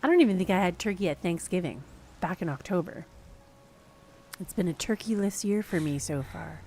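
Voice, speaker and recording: A woman's voice: on the low side, lively intonation, moderate pace, warm tone, a little hiss or hum. A woman streamer casually chatting through a game, laughing and thinking aloud to her viewers. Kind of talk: casual gameplay commentary to chat.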